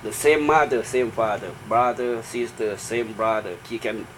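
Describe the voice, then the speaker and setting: A middle-aged man from Thailand with a Thai accent answers interview questions in halting, simple English with short broken phrases, as a native Thai speaker. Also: medium pitch. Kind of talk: informal oral history interview. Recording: noisy room with steady background hum.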